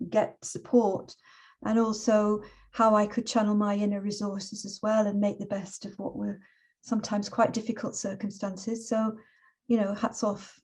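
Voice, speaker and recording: A middle-aged woman, a poet and teacher invited as a guest, speaks in a mellow, unforced voice at an average female pitch. She talks reflectively with measured phrasing in a relaxed personal talk, sharing her own words and reading verse.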